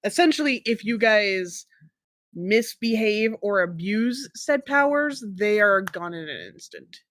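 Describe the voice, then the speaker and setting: A game master narrating a tabletop game in a halting, improvised way, stumbling over words. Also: medium pitch, animated, fairly bright tone, a little hiss or hum.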